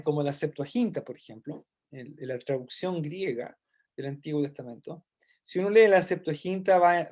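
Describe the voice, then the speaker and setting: A man teaches a Bible study in a somewhat high voice. He explains patiently, repeats key phrases and often checks that his listeners are following. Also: a little mellow.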